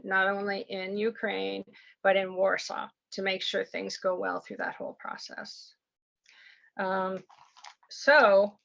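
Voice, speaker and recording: A woman from a surrogacy agency who explains things quickly over a video call, rambling with many fillers and restarts. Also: mid-range voice, gravelly, fairly bright tone, highs cut off. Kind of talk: online information session, explaining and answering questions.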